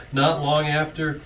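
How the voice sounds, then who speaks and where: In a church hall, a middle-aged man with a higher-than-average voice earnestly reads a rhyming poem he wrote for an anniversary, stumbling slightly and laughing softly. The mic is distant and background noise can be heard.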